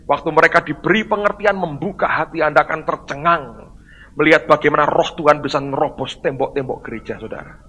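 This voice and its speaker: A male pastor, telling a story in a sermon to his congregation and calling out loudly as he retells it. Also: fairly high pitch, quick pace, breathy edge, rough recording. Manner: storytelling, addresses the congregation as "saudara"; bursts into loud exclamations when retelling the service. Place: church hall.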